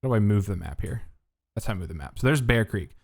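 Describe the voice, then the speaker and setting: Low-voiced man streaming a game. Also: quick pace, creaky. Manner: relaxed, thinking aloud. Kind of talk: casual gameplay commentary.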